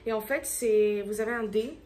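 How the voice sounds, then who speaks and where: A woman's voice: a little high, moderate pace, warm tone, a little hiss or hum. A woman chatting casually to her vlog audience at home, rambling and tripping over her words. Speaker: vlogger. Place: at home indoors.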